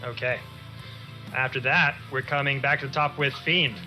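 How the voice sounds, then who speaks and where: A man narrating a tabletop game as game master, laughing often and animated. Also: medium pitch, moderate pace, faint music behind, low-quality recording.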